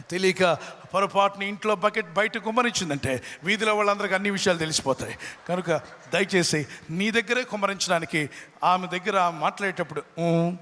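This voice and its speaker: A pastor with a high, bright, forceful voice preaches earnestly using homely examples, building up into fervent prayer. The recording carries long hall reverb and faint music.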